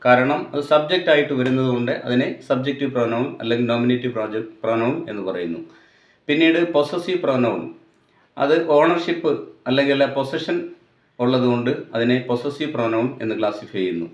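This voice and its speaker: A man with a Malayali accent teaching English grammar, explaining slowly and deliberately and mixing English terms into Malayalam. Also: medium pitch. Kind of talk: grammar lesson. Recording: echoey room, dull lo-fi sound.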